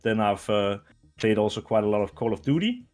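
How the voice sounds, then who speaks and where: A man in his twenties from Denmark, a retired esports player answering interview questions in a relaxed, rambling way with many fillers. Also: fairly low pitch, brisk, faint music behind. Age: 20s. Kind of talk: casual video interview.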